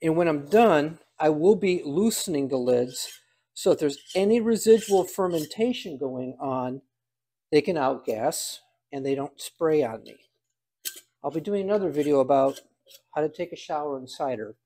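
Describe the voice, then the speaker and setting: An older man and home cider maker gives a casual hands-on demonstration, thinking aloud in a folksy, dryly humorous manner. His voice is slightly high and mellow, with lively intonation at a normal pace.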